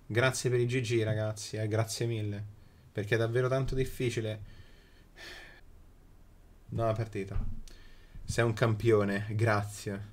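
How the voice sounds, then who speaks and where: A man's voice: on the low side, steady tone, measured pace, pauses often. A man, commentating a live mobile game emphatically, repeating phrases and swearing in exasperation. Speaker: game streamer. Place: small indoor streaming room.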